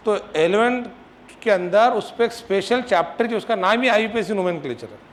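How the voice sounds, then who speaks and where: High-voiced teacher drilling a class. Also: male voice, lively intonation, a little fast. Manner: drills students, chants formulas, teasing scolds. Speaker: chemistry coaching teacher. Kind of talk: classroom lecture.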